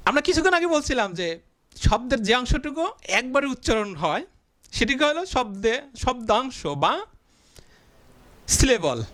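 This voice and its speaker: A male teacher giving a blackboard grammar lesson, asking the class questions, answering them himself and drawing syllables out slowly as he writes. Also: very high-pitched, fairly bright tone, no echo. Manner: stretches out syllables slowly while writing.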